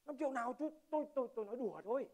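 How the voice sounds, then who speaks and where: A rambling, stammering peasant passenger. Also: male voice, extremely high pitch, expressive, racing, darkish tone, full character voice. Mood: pleading. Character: thrifty middle-aged male migrant worker heading home. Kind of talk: stage comedy sketch.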